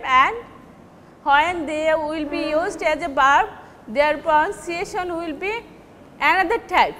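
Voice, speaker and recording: A woman with a Bangladeshi English accent teaching word stress in a measured way, repeating the example words slowly. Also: high voice, sharp tone. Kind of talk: classroom lecture on word stress. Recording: reverberant room with faint ambient noise.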